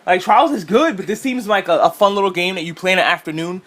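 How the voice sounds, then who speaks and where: A man with a high, bright, ringing voice talks his way through a games showcase recap. He rambles casually, glances at his notes and swears without thinking about it. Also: lively intonation, fast talker. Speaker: co-host. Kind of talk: casual game-showcase reaction chat.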